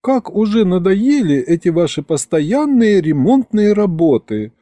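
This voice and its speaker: A languid, bored lady of the court speaks in a high, lilting voice, sighing and drawing out her words, as put on by a male reader. The timbre is soft and dark, and the recording is close and dry. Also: very animated, unhurried, no echo. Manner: languid, drawling sighs.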